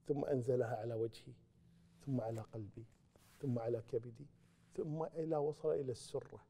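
A man giving a religious lesson, retelling a story and quoting its speakers with emphatic rises and soft drops. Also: medium pitch. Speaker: religious teacher. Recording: long hall reverb.

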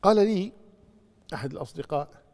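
Man, high voice, animated preaching, long hall reverb. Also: a little fast, creaky. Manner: animated preaching, rising to loud rebuke. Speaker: Islamic scholar answering questions. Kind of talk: religious question-and-answer lesson.

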